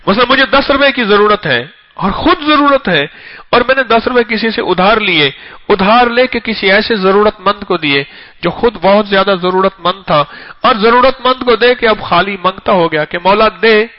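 A man preaching an emotional storytelling sermon, repeating phrases for emphasis and swinging between loud and hushed delivery. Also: high-pitched. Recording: dull lo-fi recording.

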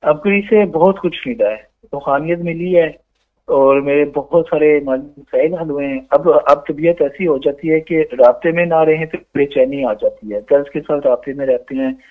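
A man's voice: fairly high pitch, moderate pace. Devout man caller over a tinny phone line. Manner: devout, answers prayers with repeated blessings. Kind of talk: call-in testimony.

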